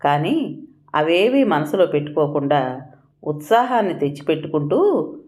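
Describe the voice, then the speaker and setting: A narrator reading a scripted audio story in an even, descriptive way. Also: mid-range voice, normal speed.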